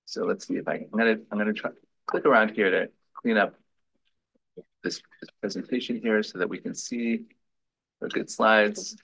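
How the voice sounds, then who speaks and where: A man with a lowish voice runs a lab meeting and introduces a guest. He talks informally and haltingly, full of restarts and fillers. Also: steady tone, gravelly, a bit bright, husky.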